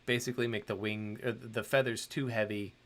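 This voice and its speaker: A man's voice: fairly low pitch, fairly even intonation, fairly quick, fairly bright tone. A middle-aged man hosting a livestream, chatting loosely with many ums and restarts while he draws. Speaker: host and illustrator. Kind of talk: livestream chat while drawing.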